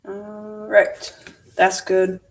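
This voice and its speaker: A livestream host works on a model while muttering low-key commentary to himself. His delivery is completely flat and extremely slow, and his voice sounds a bit distant from the mic.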